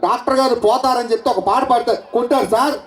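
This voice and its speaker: A man's voice: extremely high pitch, very fast. A man performing a stage comedy skit as an eager, pleading would-be mimicry artist. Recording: roomy stage sound from a distance.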